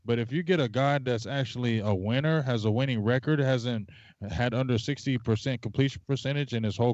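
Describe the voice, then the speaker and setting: This podcast co-host has a medium-pitched, somewhat dark male voice, captured in a dry, close, dull lo-fi recording. On a casual sports talk livestream, he launches into a heated, passionate sports rant, rambling along with long, drawn-out fillers.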